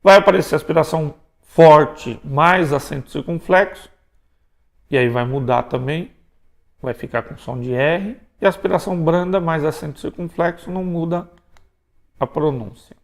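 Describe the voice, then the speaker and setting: A man from Brazil teaching Greek pronunciation in a recorded lecture, explaining step by step and checking in with quick tag questions. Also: on the high side, vocal fry.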